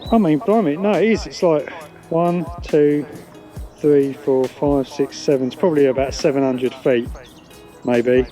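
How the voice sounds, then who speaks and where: A higher-voiced British man chats casually and unscripted over music while testing a wireless intercom headset by a riverside path outdoors. He's a vlogger speaking at a measured pace, with a mellow tone.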